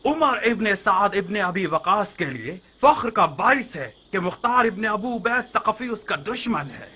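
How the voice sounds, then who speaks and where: An actor playing an arrogant young nobleman in a dubbed historical drama, speaking in a smooth, taunting, self-assured way. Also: high voice, lively intonation, moderate pace, pushed and bright, full character voice. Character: scheming young noble suitor, mocking and arrogant.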